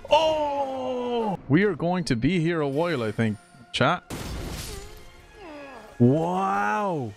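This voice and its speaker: A man's voice: a little high, lively intonation, slow, gravelly. Casual male game streamer over game music. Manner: informal, swears casually. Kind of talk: casual gaming commentary. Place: small home streaming room, indoors. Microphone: close desk microphone.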